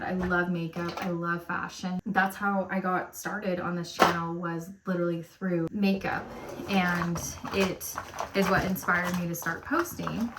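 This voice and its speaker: A woman in her thirties talks through a relaxed get-ready-with-me chat, rambling and full of fillers. Her voice sits a little low, and the room rings around her. The mic is some way off, with a faint hiss behind. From Romania, raised in America. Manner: chatty, rambling, lots of "like". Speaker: lifestyle vlogger. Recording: roomy echo, mic at a distance.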